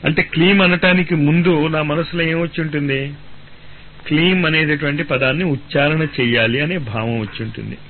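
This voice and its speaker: A man giving a spiritual discourse as a teacher, drawing out syllables slowly and asking rhetorical questions he answers himself. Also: a little high, fairly even intonation. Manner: slow, drawn-out syllable-by-syllable chanting of sounds. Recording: tinny phone-like radio broadcast with faint noise.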